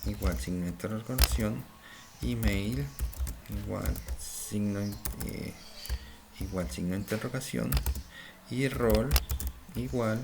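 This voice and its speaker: A male programming instructor with a lowish voice and vocal fry speaks slowly with long pauses in a screen-recorded coding lesson. He thinks aloud as he types and often checks in with viewers by asking "¿cierto?". His home recording has audible noise, with keyboard typing and clicks behind him.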